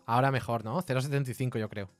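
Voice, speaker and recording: A man with a Spain Spanish accent giving a casual live-coding tutorial, chatty and quick to laugh and swear in surprise. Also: mid-range voice, steady tone, no echo, faint music behind. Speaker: programming streamer.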